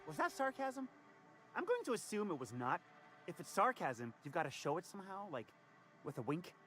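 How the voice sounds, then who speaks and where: A man's voice: high-pitched, big pitch swings, moderate pace, music in the background. An actor playing a slippery, evasive male hustler in a video game, talking in stammering, wheedling sales patter. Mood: flustered. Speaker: game character.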